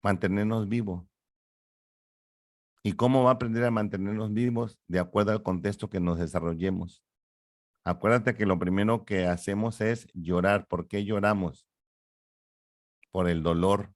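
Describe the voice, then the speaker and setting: Middle-aged man, lowish voice, animated lecturing psychologist, dry close recording. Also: moderate pace, pauses often, no echo. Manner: animated, lecturing, uses rhetorical questions. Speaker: psychologist guest. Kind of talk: explanatory interview talk.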